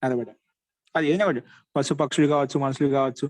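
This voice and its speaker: A man teaching Sanskrit grammar in an online class, explaining in short phrases and repeating each example slowly. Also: mid-range voice, darkish tone, low-quality recording.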